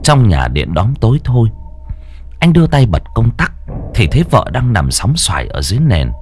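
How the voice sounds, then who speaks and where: Low, expressive male storyteller. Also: faint music behind. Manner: expressive, drawn-out for suspense. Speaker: audiobook narrator. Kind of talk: dramatic horror story narration.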